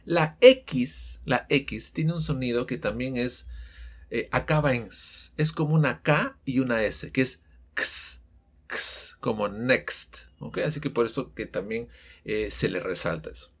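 A man's voice: medium pitch, unhurried, husky. A man teaching English pronunciation in an audio lesson, explaining patiently and asking his students questions.

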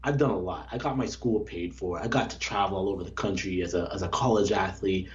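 A young man with a fairly low voice reflects earnestly on his running career in an easygoing interview. He tells his story with frequent restarts. The recording sounds dull and lo-fi. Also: fairly quick, slight background noise. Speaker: former Olympic track athlete, guest. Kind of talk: casual interview conversation.

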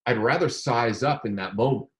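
A man talking casually about his day trading, animated and rambling, with frequent restarts. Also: medium pitch, moderate pace. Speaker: day trader. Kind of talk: casual conversation.

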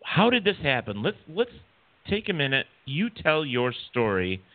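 A man's voice: a little high, normal speed. A man hosting a talk radio show, chatting casually with lots of restarts. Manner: animated, stumbling restarts. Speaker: radio host. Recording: tinny phone line.

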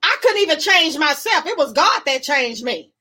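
A woman gives an emotional personal testimony. She tells it in an animated way, acting out what each person said along the way. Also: high-pitched, normal speed. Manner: animated storytelling, acting out both sides of conversations. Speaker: guest sharing testimony.

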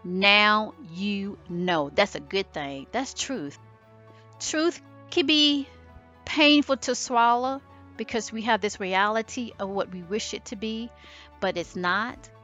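A woman's voice: fairly high pitch, a little slow, highs cut off, faint music behind. A woman hosting a motivational podcast, talking emphatically and acting out little voices of doubt and fear. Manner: animated and emphatic, acts out inner voices. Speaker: podcast host.

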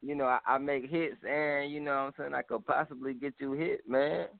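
A man's voice: medium pitch, fairly even intonation, moderate pace, gravelly, no echo. Twenty-something rapper guy, chill slangy talk, phone call audio. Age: 20s. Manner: laid-back street talk, many fillers. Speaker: guest rapper. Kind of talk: casual radio interview.

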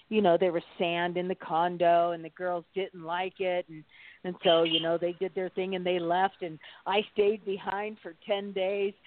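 A woman's voice: lowish voice, dry recording. A woman co-hosting a casual radio chat, telling her own stories in a chatty way. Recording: tinny phone line.

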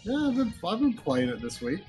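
A man's voice: high-pitched, wildly swooping pitch, brisk, darkish tone, soft background music. Rambling man chatting about games. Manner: rambling, hedging, laughs easily. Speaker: podcast host. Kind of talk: casual gaming chat.

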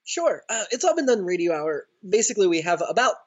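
A writer and performer, interviewed as a guest, explains things casually over a slightly lo-fi line. He talks fast in a high voice with big pitch swings.

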